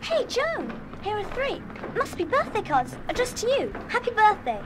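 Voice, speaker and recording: High-pitched, bossy older schoolgirl. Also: very animated, moderate pace, background noise. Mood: brisk, friendly. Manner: scolding, emphatic. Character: bossy, stern senior schoolgirl monitor. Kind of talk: 1970s full-cast children's radio play acting.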